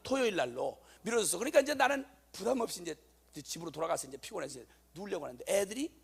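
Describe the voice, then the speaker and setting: A middle-aged man, a missionary preacher, telling a testimony in a sermon with lively, animated storytelling. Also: high voice, very fast, creaky, breathy edge. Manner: animated storytelling, acting out voices, rising to shouts.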